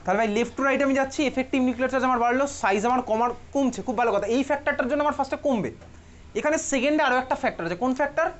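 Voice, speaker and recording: A chemistry teacher with a Bengali accent gives a classroom lecture, chatty and teasing and frequently questioning his students. He talks in an extremely high, rapid-fire voice, captured on a dull lo-fi classroom recording.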